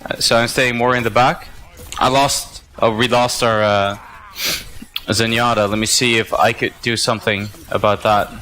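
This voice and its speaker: A man's voice: lowish voice, steady tone, moderate pace, sharp tone, poor audio. A man giving reflective, self-critical commentary on his own match, with hesitant fillers between thoughts. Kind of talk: gameplay commentary.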